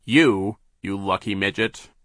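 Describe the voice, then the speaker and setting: A man reading an audiobook, voicing a sneering villainous factory foreman who talks slowly and mockingly. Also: low voice, a bit bright, dry recording, studio quality. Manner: slow, mocking, drawn-out. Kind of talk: audiobook character voice.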